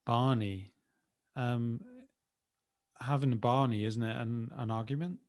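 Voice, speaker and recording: A man's voice: medium pitch, unhurried, a little mellow. A man from the Birmingham area co-hosting a casual podcast, answering in a hesitant, thoughtful way. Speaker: podcast co-host. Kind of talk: casual chat.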